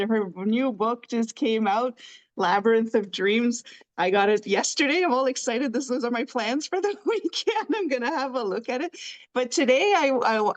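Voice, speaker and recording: A woman's voice: a little high, lo-fi sound. A woman hosting a podcast interview, enthusiastic and chatty, laughing easily as she introduces her guest. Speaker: podcast host.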